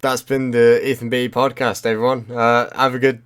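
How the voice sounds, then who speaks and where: A man's voice: mid-range voice, flat delivery, normal speed, a bit bright, clear, resonant tone. A young man hosting a podcast, chatting with a friend in an easygoing, agreeable way. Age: young adult. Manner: easygoing, agreeable, loose conversational talk. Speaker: podcast host. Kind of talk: casual chat.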